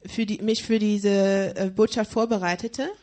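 Woman interpreting a church sermon on the fly, lots of ums and restarts, mid pitch. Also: fairly even intonation, normal speed, a little mellow. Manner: hesitant, many fillers and restarts while searching for words.

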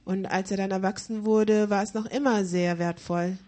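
Female live interpreter at a church service, hesitant, restarts often, mid-pitched voice. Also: steady tone, moderate pace, dark tone. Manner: hesitant, many fillers and restarts while searching for words.

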